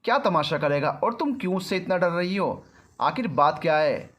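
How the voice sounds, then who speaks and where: A man's voice: a little high, expressive, normal speed, fairly bright tone, pitched above the performer's own voice. A man voicing a stern, protective middle-aged mother in a storybook reading, scolding and demanding answers. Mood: alarmed. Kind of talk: storybook narration.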